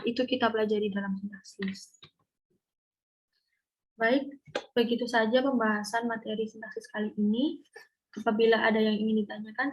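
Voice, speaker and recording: A woman's voice: a little high, low-quality recording. A young woman presenting a lesson, reading carefully and often catching and restarting her words. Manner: careful, with frequent self-corrections and restarts. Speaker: student presenter explaining syntax. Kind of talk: read-aloud lesson.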